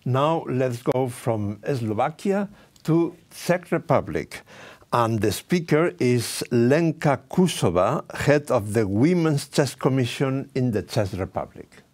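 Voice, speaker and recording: Moderator: man, mid-pitched, slow and measured. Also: animated, darkish tone. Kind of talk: introducing speakers.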